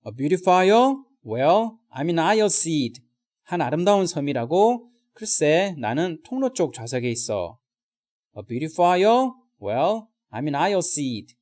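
A man teaching vocabulary in a recorded lesson, speaking straight to viewers and drilling slow example sentences. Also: fairly high pitch, very animated, darkish tone.

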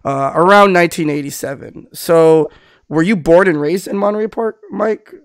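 This Philippine-born, Southern California–raised podcast host in middle age rambles through a casual interview on a video call, with plenty of restarts and fillers. His voice is on the high side at a moderate pace. He records with headphones and a studio mic on his webcam, and the sound is clean studio audio with no echo.

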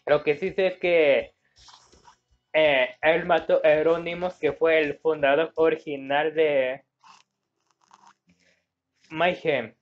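A man's voice: a little high, fairly even intonation, takes it slowly, pauses often, faint music behind. A man with a Mexican Spanish accent giving casual gameplay commentary, rambling and searching for words as he reads game words aloud. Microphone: phone. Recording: dull lo-fi phone recording.

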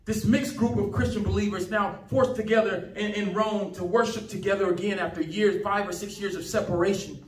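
A man with a strikingly high voice delivers an impassioned, emphatic sermon as a pastor. He reads and unpacks scripture with fervor. The sound comes from a distant mic in an echoey church hall. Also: fairly even intonation, fairly quick, hardly any pauses. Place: church sanctuary.

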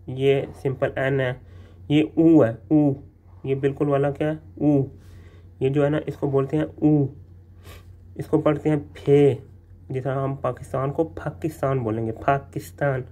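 Guy teaching the alphabet, dark mellow voice, says each sound over and over. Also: medium pitch. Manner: repeats sounds slowly, checks with "theek hai". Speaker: language teacher. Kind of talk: casual spoken lesson.

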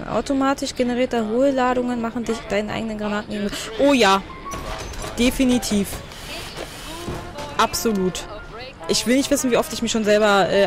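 Chatty woman thinking aloud over gameplay. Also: mid-range voice. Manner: thinks aloud and reads game menu text out; chatty, talks to the game. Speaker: let's player. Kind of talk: blind gameplay commentary.

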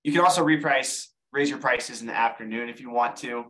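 A man's voice: medium pitch, fairly quick, fairly bright tone, low-quality recording. Casual man teaching a live webinar. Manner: casual, repeats words while explaining. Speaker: online seller giving a webinar.

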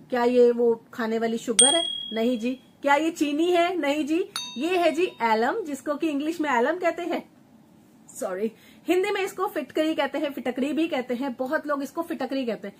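High-voiced woman vlogging home remedies. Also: slight background noise. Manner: warm sisterly address, repeats words for emphasis. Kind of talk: chatty beauty tips vlog. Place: at home, grinding and sieving while she talks.

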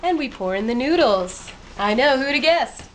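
Her voice sits high with lively intonation at a normal speed. She's a young adult giving a playful, chatty how-to while cooking in a small home kitchen, joking at her own expense and moving about, recorded with noisy audio from a moving handheld camera mic.

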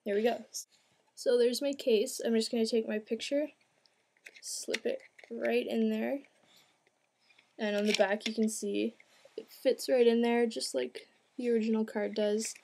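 A young adult woman with a dark-toned voice on the high side speaks steadily and unhurriedly, leaving long pauses. As a craft tutorial host, she gives an informal, plain-spoken step-by-step demonstration from a small room indoors at home. It is an amateur home video, clear but with background noise.

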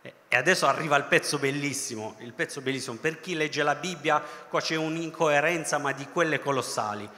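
A man's voice: fairly high pitch, brisk, hardly any pauses, pushed and bright. A young man preaching a sermon in a chatty way, often checking in with his listeners. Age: young adult. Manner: conversational preaching, tag questions like "no?" and "ok?". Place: large theatre hall. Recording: echoey hall reverb.

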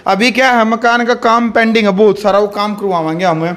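Chatty young Haryanvi man, high voice. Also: fairly even intonation, fairly quick, fairly bright tone. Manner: chatty, laughs often, points things out to camera. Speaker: vlogger giving a house tour. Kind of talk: casual vlog chat. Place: rural house and courtyard, outdoors and indoors. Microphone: handheld phone mic.

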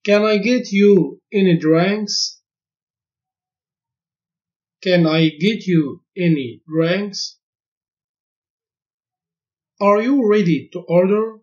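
A man reads lesson phrases at a very slow, careful pace, repeating each one twice. His voice sits fairly high for a man. The recording sounds dull and lo-fi. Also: a little mellow. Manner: each phrase spoken twice, clearly and deliberately. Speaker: language teacher.

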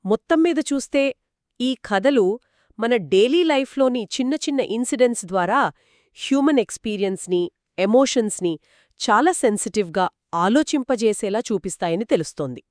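Woman co-host, book podcast, higher voice, dry close sound, explains reviews. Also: animated, moderate pace, a little mellow, no room sound. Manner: explains and sums up reader reviews.

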